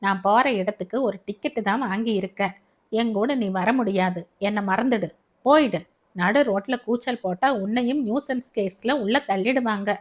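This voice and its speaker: A woman's voice: mid-range voice, normal speed, close to an everyday voice. A woman voicing a cocky young man who teases and brushes people off in street slang. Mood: brusque. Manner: teasing, mocking, brash slang. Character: cocky young man, jailed avenger, swaggering.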